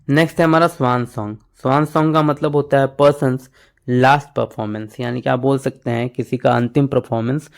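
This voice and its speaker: Guy teaching vocab in hindi, mid pitch, keeps saying ok to check ur following. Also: gravelly. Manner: explains words in Hindi mixed with English, memory tricks, frequent "ठीक है". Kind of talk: exam-prep vocabulary lesson.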